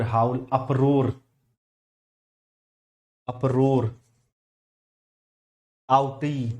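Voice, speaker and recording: A man's voice: medium pitch, a little mellow. Man teaching vocabulary with Hindi-accented English. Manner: explains slowly, repeats and spells words, asks questions of students. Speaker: English teacher for exam prep. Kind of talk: online vocabulary lesson.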